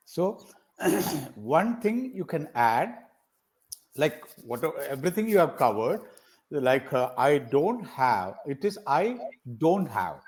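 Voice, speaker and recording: Guy tutoring on a video call, voice bouncing up and down, slightly high, keeps firing off example sentences. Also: very animated, takes it slowly, a little mellow. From South India. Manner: encouraging, repeats phrases and gives many example sentences. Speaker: English tutor. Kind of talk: conversational English practice session.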